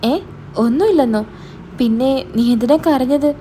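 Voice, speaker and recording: A woman's voice: high-pitched, normal speed, dark tone, a little hiss or hum, close to an everyday voice. A woman voicing a stern young older brother who scolds and demands answers.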